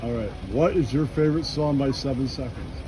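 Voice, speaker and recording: A man with a medium-pitched voice conducts a casual street interview, firing off blunt questions one after another at a brisk clip. Traffic and city noise fill the outdoor recording.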